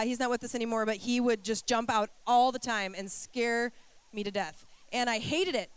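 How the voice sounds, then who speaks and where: Woman, pastor, nasal and congested from a cold, casual sermon delivery, informal, smooth clear tone, dry sound. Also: on the high side, a bit bright, no echo. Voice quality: stuffy, nasal, as if nose packed. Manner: informal, self-deprecating, joking with congregation. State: congested with a bad cold, blocked nose. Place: speaking to a congregation in a school.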